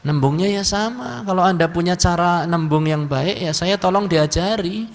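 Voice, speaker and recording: A man's voice: high voice, normal speed, slight background noise. A man giving a religious lecture, telling funny stories and acting out the people in them. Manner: humorous storytelling with acted quotes. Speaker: preacher. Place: mosque hall. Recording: long hall reverb.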